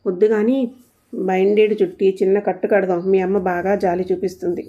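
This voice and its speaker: A clumsy middle-aged father, voiced by a woman narrator, fusses and grumbles at his son in a comic storybook. His speech is bossy and exclaiming, though his pitch stays flat. The sound is dull and lo-fi. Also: fairly quick, close to an everyday voice. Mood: grumbling.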